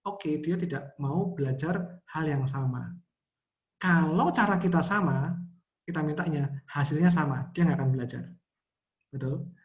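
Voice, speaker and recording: A man's voice: fairly high pitch, darkish tone. Male child psychologist, easygoing, explains by example, video-call sound. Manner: easygoing, explains with everyday examples, often ends phrases with "gitu". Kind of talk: webinar talk answering parents' questions.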